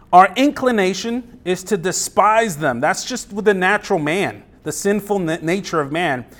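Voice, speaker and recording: A man's voice: high voice, expressive, measured pace, a bit bright. A man preaching a sermon in a conversational way, asking the listeners questions and acting out quotes. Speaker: pastor.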